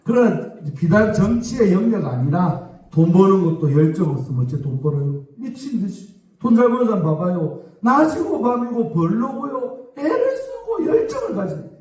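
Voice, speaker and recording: A man's voice: sits high, very animated, normal speed, darkish tone. A man preaching a sermon as senior pastor, emphatic and often calling for amens. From South Korea. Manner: emphatic, repeatedly asking the congregation for amens. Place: church sanctuary. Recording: echoey church hall, distant mic.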